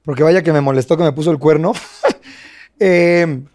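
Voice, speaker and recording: A man's voice: a little high, normal speed, a little mellow, dry recording, studio quality. A man in his thirties with a Mexican Spanish accent, co-hosting a casual chat and telling a self-mocking story full of slang. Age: 30s.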